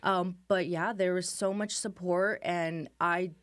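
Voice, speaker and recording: A woman's voice: lowish voice, fairly even intonation, measured pace, dry recording, studio quality. A young woman from Mexico, a business owner, speaking candidly and upbeat as an interview guest. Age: young adult. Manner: upbeat, candid, uses fillers like "truthfully". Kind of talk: casual interview.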